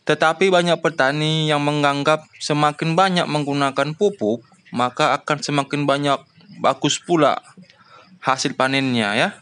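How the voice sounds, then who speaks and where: A man's voice: on the high side, fairly even intonation, normal speed, a bit bright, clear, resonant tone. A man explaining a farming lesson to farmers, with frequent fillers and rhetorical questions. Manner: addresses farmers as "Bapak Ibu", frequent "ya" and "namanya" fillers. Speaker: farming channel host.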